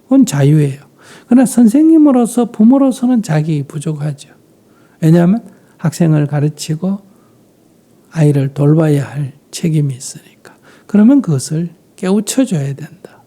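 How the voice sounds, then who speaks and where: Calmly fielding questions in a dharma talk, this Buddhist monk speaks with a Gyeongsang Korean accent at a moderate pace. His voice runs on the high side, and he tends to trail off into breathy half-whispers.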